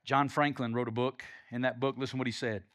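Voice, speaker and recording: A male pastor from Alabama with a Southern accent preaches a sermon, emphatic and conversational, his intensity rising and falling around casual asides. His mid-range voice is a bit bright and fairly quick, though flat in delivery, and the recording has no room sound.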